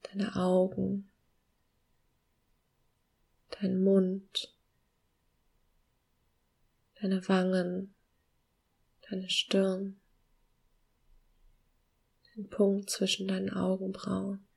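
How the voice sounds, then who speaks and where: A woman guiding a meditation in a soft, hushed, soothing near-whisper with long pauses and a breathy voice. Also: mid-range voice, monotone. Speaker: podcast host guiding a meditation.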